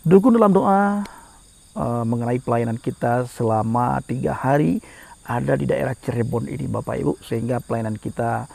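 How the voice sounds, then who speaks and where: A man's voice: medium pitch, steady tone, fairly quick, gravelly, dark tone. A male evangelist preaching to camera with urgent, repeated direct address to his listeners.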